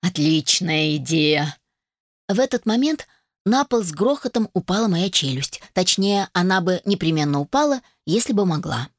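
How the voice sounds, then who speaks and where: A woman narrating a story in the first person with an expressive, lively delivery. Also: mid-range voice, moderate pace, no room sound, clean studio sound. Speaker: audiobook narrator.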